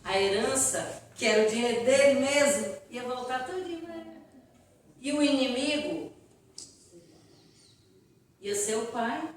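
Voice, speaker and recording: A woman with a Brazilian accent, giving a spiritist lecture and answering questions in a chatty, animated way. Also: sits high, a little slow, long pauses, far from the mic. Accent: Brazilian Portuguese. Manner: chatty, animated storytelling with audience asides. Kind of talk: live lecture Q&A to an audience. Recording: echoey hall, voice from afar, faint noise.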